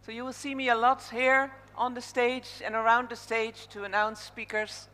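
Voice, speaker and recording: With a fairly high, bright voice, this Dutch woman delivers her lines flatly but forcefully at normal speed. She is the informal master of ceremonies opening a live conference, speaking from the stage of a big indoor hall through a PA thick with reverb.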